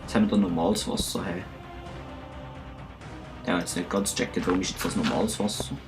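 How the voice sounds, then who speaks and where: Low-voiced Swiss German man for let's play narration, chatty and self-mocking, soft music bed. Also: steady tone, a little fast. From Switzerland. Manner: chatty, self-mocking, talks to himself and viewers. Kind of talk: casual gameplay commentary.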